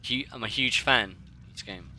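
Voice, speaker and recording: Bright-voiced man doing casual gameplay commentary. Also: medium pitch, normal speed, slight background noise. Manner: offhand, wry, swears casually. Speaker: gamer playing and commenting.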